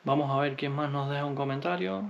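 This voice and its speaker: A man from Cuba, answering viewer comments in a relaxed, unhurried vlog, often pausing with hesitations. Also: a little high, vocal fry, lo-fi sound. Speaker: vlogger.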